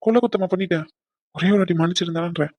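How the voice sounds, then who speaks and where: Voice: mid-range voice, quick pace, a little mellow, no room sound, lightly acted. A performer voicing a jobless husband in a cartoon, aggrieved and pleading with his wife. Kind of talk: cartoon voice acting.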